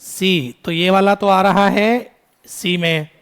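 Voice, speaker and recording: A man teaching a tax lecture in Hindi mixed with English, quizzing his students, calling them "beta" and scolding them briskly. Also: sits high, steady tone, fairly bright tone, clean tone. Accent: Indian English. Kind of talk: classroom lecture.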